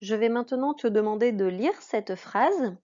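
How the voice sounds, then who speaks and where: A woman's voice: fairly high pitch, expressive, normal speed, mellow. A woman teaching a reading lesson to children, patient, drawing out each example word. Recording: dull lo-fi sound.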